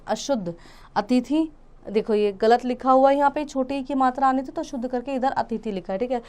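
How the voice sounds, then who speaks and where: A woman teacher talks children through a grammar lesson in a patient classroom manner. She says each word twice and often stops to check that they follow. Her voice sits a little high and sounds smooth and clear. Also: fairly quick, a little mellow.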